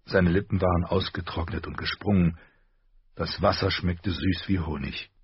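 A man reading an audiobook in measured, scripted narration. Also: sits low, steady tone, breathy edge, no echo, highs cut off. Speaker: audiobook reader.

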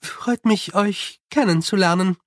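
A man voicing an eerily calm, precise young male clockmaker who speaks slowly and evenly. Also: sits high, no room sound, studio quality, voice pushed up.

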